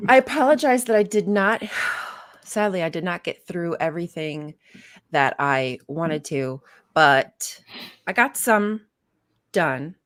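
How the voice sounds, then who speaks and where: A woman's voice: on the low side, expressive, slow pace. A female podcast co-host in casual chat, chatty and encouraging.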